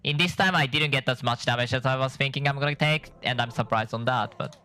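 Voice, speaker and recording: Speaking fast in a smooth, bright, forceful voice of medium pitch, a sleep-deprived man streams his gameplay. His casual commentary rambles, full of thinking aloud and self-corrections.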